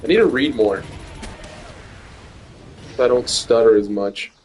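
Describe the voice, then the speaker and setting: Speaking a little slowly in a medium-pitched, slightly mellow voice with lively intonation, a young gaming streamer chats casually as he plays. There's a little hiss or hum, and he rambles, stutters, restarts his words and swears often.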